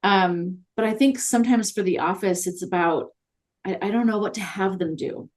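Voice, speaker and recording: A woman appears as a guest consultant on virtual assistants in a conversational interview, chatty and upbeat with plenty of fillers. Her voice is medium-pitched, slightly mellow, at a normal speed.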